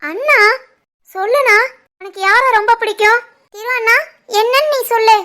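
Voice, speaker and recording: A woman puts on a cheeky young sister from an animated family drama. Her voice is very high and bright, playful and teasing. She speaks with a Kanyakumari Tamil accent. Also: normal speed.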